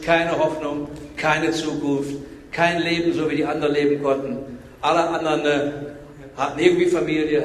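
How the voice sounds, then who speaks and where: Emphatic preacher in an echoing church. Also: male voice, on the high side, slight background noise. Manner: emphatic repetition, addresses listeners directly. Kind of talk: sermon. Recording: echoey hall reverb.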